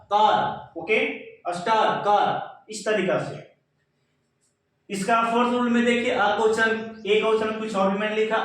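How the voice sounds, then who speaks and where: A man's voice: high-pitched, a bit bright. A male English pronunciation teacher with an Indian accent, drilling words and repeating questions and answers to his students. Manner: repetitive call-and-response drilling, asks and answers himself. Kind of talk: classroom-style pronunciation lesson. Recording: very echoey room, voice from a distance.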